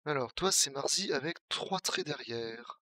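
A man's voice: medium pitch, animated, unhurried, sharp tone, no echo, clean studio sound. Chatty young Parisian man streaming games. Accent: Parisian French. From Paris region, France. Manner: chatty, joking, reads and answers chat. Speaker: Twitch streamer. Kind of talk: casual live-stream game commentary.

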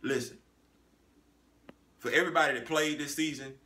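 Here a thirtysomething man delivers a casual monologue recapping his flag football league, emphatic and shifting from booming call-outs to hushed asides at a normal pace. Standing in front of a wall poster in a small indoor room, he's captured by a phone camera at arm's length, so the audio is a little distant and carries a faint hum.

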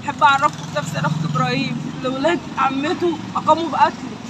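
A woman's voice: high voice, steady tone, rapid-fire, very noisy. A grieving woman with an Egyptian Arabic accent, the victim's sister, speaking emotionally with repeated invocations against the accused in a street interview.

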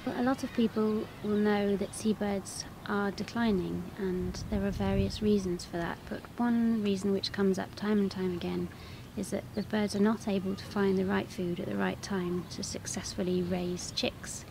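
Woman with creaky voice, noisy outdoor interview. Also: medium pitch, steady tone, normal speed. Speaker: seabird scientist being interviewed. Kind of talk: explanatory interview talk. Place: open grassy coast, outdoors. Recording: clear background noise outdoors.

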